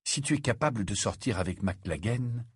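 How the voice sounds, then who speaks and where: A man's voice: fairly low pitch, animated, normal speed, breathy edge, no echo, studio quality. A man voicing a blunt, firm teenage boy who speaks curtly. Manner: firm, curt.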